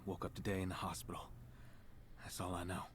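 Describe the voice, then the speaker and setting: A man's voice: low-pitched, monotone, a little fast, natural voice. An actor voicing a male survivor lawman in a video game, in a yeehaw cowboy drawl. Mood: dazed. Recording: game clip, voice from far off.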